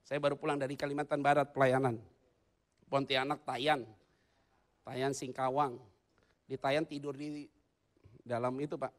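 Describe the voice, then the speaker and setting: A male pastor preaching a humorous sermon in a church, moving between loud excited bursts and quiet asides. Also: mid-range voice, unhurried, pauses often.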